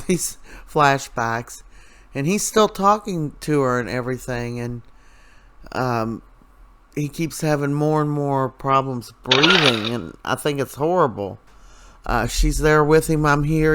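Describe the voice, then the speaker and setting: A middle-aged man with a smooth, clear voice at an ordinary pitch talks through a soap episode in loose, casual recap style. He is emotional and rambling and leans on plenty of fillers as he goes. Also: a little slow, a bit bright. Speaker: soap opera recap channel host.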